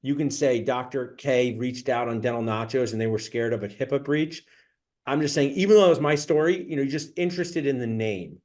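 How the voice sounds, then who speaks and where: A man's voice: medium pitch, fairly quick, darkish tone. A man hosting a rehearsal for sponsor introductions, enthusiastic and coaching, laughing often. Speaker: host running a sponsor rehearsal. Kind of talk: coaching, casual and upbeat.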